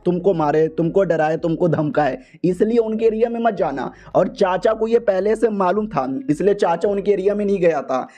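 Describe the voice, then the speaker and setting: A man's voice: sits high, mellow. A man narrating a comic story in a chatty, slangy way, speaking to his viewers. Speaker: story explainer.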